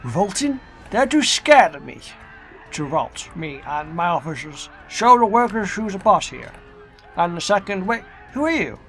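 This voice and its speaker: A man's voice: high voice, big pitch swings, normal speed, a bit bright, voice pushed up, full character voice. A man voicing an arrogant male factory boss who boasts and stammers with ums and uhs, in a video game read-aloud. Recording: game music behind.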